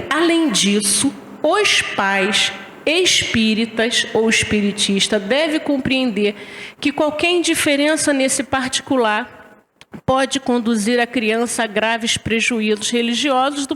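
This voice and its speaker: A woman from Brazil giving a spiritist religious lecture in a lecture hall, animated and chatty as she tells stories. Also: high-pitched.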